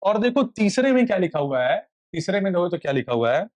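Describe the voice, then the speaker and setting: Man, physics teacher, high voice, lecture, asks and answers his own questions. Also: big pitch swings, fairly quick, a little mellow, lo-fi sound. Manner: questions students then answers himself; mixes English physics phrases into Hindi. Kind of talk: classroom lecture.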